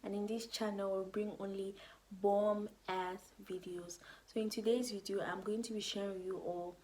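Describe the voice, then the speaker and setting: A young woman from Cameroon with a Cameroonian accent, chatting casually to her camera in a slangy, animated way. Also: medium pitch, moderate pace, slight background noise, rough recording. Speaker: YouTuber. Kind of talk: casual vlog talk to camera.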